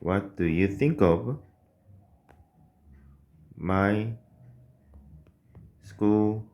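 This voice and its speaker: A man teaching English grammar in a recorded online lesson, explaining patiently step by step, asking questions and answering them himself, and reading English sentences out slowly. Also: lowish voice, a little mellow.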